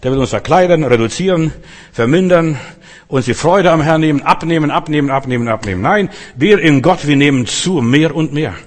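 A male pastor preaching a sermon, repeating key phrases emphatically and swinging between loud calls and quiet asides. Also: on the high side, expressive, brisk.

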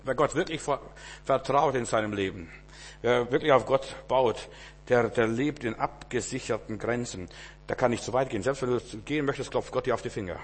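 A man preaching a sermon to his congregation, swinging between loud emphatic cries and low hushed asides, repeating words for emphasis. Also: normal speed, big-room sound.

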